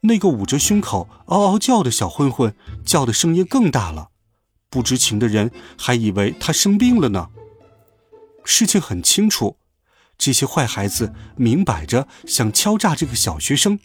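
A man narrates a children's story in a scripted, expressive way. His voice moves up and down constantly as he brings scenes to life. Its pitch sits in the middle. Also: normal speed, breathy edge, faint music behind.

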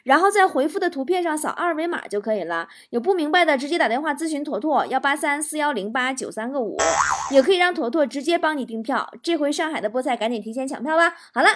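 Woman, comedy host, very animated pitch, teasing, chatty, laughing as she reads jokes. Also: fast talker, hardly any pauses, slight background noise. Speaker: talk show host. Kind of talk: comic monologue reading listener jokes.

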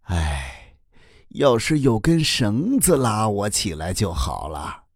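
A man doing a slow, sleepy old turtle. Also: mid-range voice, big pitch swings, no echo, clean studio sound, voice pushed up. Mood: sleepy, gentle. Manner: slow, drowsy and good-humored.

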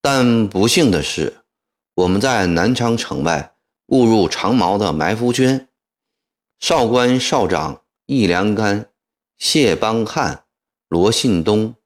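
A man reading an audiobook voices a stern middle-aged male commander who gives a loud, formal speech to massed soldiers. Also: fairly low pitch. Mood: solemn. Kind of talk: audiobook character voicing.

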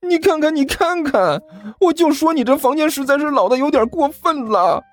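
A man voicing a brash young male apprentice who talks high, excitable and stammering in a storybook reading. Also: moderate pace, soft background music. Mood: excited, complaining.

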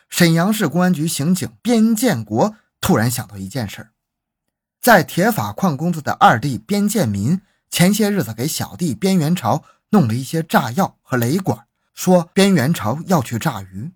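A man's voice: fairly high pitch, sing-song, normal speed, slightly rough, dry recording, studio quality. A man narrating a scripted true-crime documentary in a dramatic, suspenseful storytelling manner.

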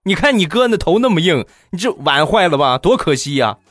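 A man's voice: fairly high pitch, big pitch swings, brisk, a bit bright, no room sound, pitched above the performer's own voice. A man voicing an angry middle-aged mother who shrilly scolds her son for breaking a bowl. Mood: scolding.

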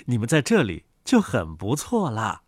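A woman's voice: rumbling low, wildly swooping pitch, moderate pace, a little mellow, husky, no echo, studio quality, voice pushed down, heavily acted. A woman voicing a tired, complaining mother duck sitting on her eggs in a storybook. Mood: boastful. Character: weary grumbling mother duck on her nest.

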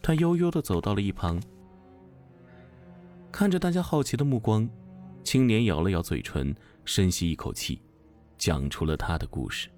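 A male storyteller reads a horror tale in an expressive, suspenseful way. His pitch moves around freely, and faint music plays underneath. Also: moderate pace, pauses often. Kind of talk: scripted horror story narration.

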